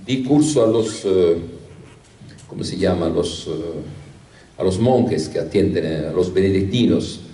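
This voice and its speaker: Older priest telling stories in an echoey hall. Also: male voice, deep voice, measured pace, warm tone. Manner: storytelling with rhetorical questions and hesitations. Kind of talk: anecdotal talk to a congregation. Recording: echoey room from a distance.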